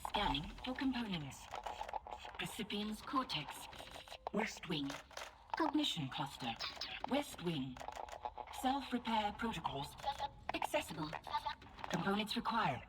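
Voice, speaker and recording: Brief: broken, glitching game robot, clipped error reports, mid pitch, noisy track. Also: female voice, sing-song, a little slow, long pauses. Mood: malfunctioning. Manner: clipped one-word status reports, repeated error calls, dropping into whispers. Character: damaged glitching security robot, female-voiced, broken and malfunctioning. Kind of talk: video game voice acting.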